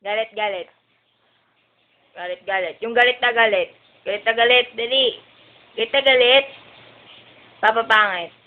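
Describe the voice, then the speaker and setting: Woman gently quizzing a toddler, tinny. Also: fairly high pitch, fairly even intonation. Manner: playful, coaxing, asking questions slowly. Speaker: family member coaxing a toddler. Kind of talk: home video with a toddler. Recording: tinny lo-fi home video with faint noise.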